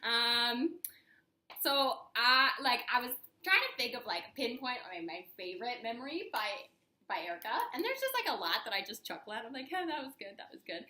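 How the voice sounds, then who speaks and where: A woman's voice: a little high, fairly quick. A young adult woman co-hosting a casual vlog, telling stories with giggles and lots of fillers. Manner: giggly, animated storytelling with many fillers. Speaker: vlog co-host. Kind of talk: casual chat. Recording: echoey room.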